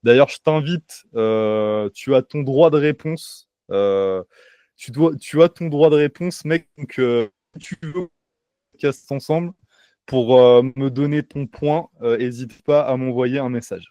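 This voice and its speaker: A man's voice: medium pitch, a little slow, clear, resonant tone, dry recording. Casual man hosting a podcast. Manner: relaxed, many fillers and restarts. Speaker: podcast host. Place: home by the sea.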